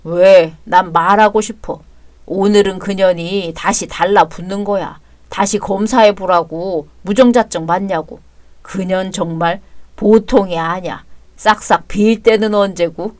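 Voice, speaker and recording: A woman's voice: mid-range voice, fairly even intonation, a little slow, dry recording, close to an everyday voice. A woman voicing a crude, drunken, boastful husband in a dramatized story reading, with a drawling, taunting delivery. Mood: defiant.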